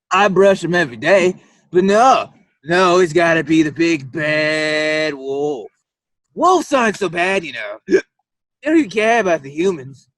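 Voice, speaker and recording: A drunken, self-pitying wolf from a comic radio play, acted by a man. He grumbles and sneers in slurred, sarcastic speech that swings widely in pitch. The sound is close and dry. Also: fairly bright tone, no echo.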